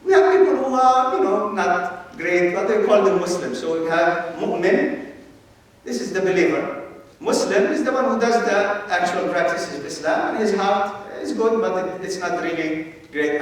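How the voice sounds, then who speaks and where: A man from Palestine giving an earnest religious lecture as a guest scholar, explaining step by step with frequent pauses. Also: high voice. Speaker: Islamic scholar, guest speaker. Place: large mosque hall. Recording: very echoey hall, voice from a distance.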